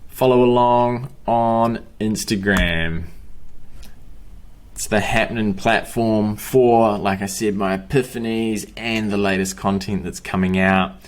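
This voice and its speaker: This young running and breathing coach speaks slowly in a fairly low voice with fairly even intonation. He is wrapping up his course on camera, offering encouraging, motivational short phrases.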